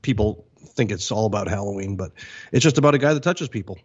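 A man's voice: fairly low pitch, animated, quick pace, breathy edge, highs cut off. Rambling, chuckling podcast co-host, a man. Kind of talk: casual chat.

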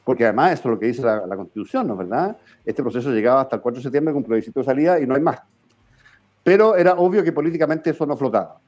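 A man's voice: medium pitch, animated, rapid-fire, darkish tone. A man with a Chilean accent hosting a conversational talk show, courteous, feeling out his phrases and adding little check-questions. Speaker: radio host. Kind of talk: conversational political commentary.

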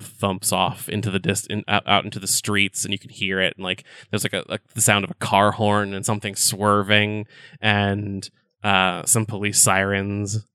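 A man's voice: fairly low pitch, pushed and bright, clean tone, dry recording, clean studio sound. A man narrating as game master of a tabletop game, rambling with fillers.

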